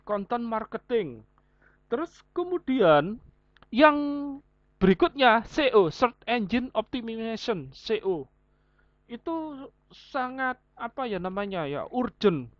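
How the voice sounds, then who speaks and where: A woman's voice: fairly high pitch, dry recording, highs cut off. A woman teacher giving an online class lecture, going through points one by one with everyday examples. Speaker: vocational school teacher.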